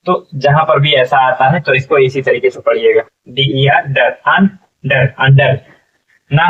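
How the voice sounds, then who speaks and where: A husky man teaching an English phonics lesson, breaking words into letters and sounds and asking what each word becomes. He sounds a little distant from the mic. The recording is dull and lo-fi. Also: medium pitch. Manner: spells words slowly, repeating and asking "what will it be?".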